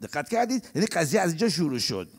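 A man giving a religious sermon who slowly chants scripture quotations and then explains them in quick, conversational speech, putting rhetorical questions to his listeners. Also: fairly high pitch, very animated, breathy edge. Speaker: preacher.

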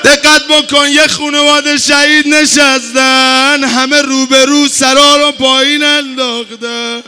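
A man leading a religious mourning gathering, moving between quick spoken asides and slow sung lament lines and urging his listeners to weep. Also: extremely high pitch, flat delivery, bright, forceful tone, soft background music.

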